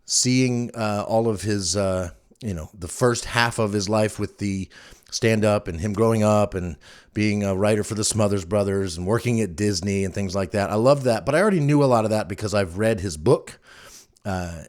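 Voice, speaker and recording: A middle-aged man hosts a podcast alone, chatting casually and rambling as he offers recommendations. His voice is lowish and a little mellow, moving at a moderate pace.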